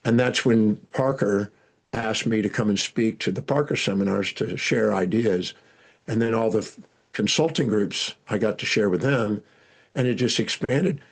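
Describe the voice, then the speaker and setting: Gravelly older man telling stories. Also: fairly low pitch, normal speed. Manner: animated storyteller, frequent restarts. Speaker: guest speaker and educator. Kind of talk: storytelling interview answers.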